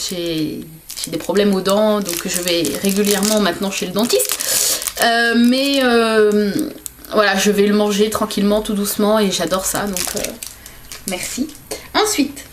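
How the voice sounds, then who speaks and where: A woman's voice: medium pitch, slight background noise. Woman vlogger unboxing stuff, lots of fillers, casual and chatty. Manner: chatty, hesitant, many fillers. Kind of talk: casual gift unboxing vlog.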